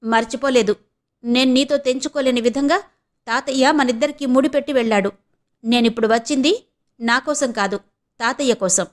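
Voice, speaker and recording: A woman voicing a proud, quick-tempered young husband in an audio novel, curt and commanding. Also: high voice, lightly acted.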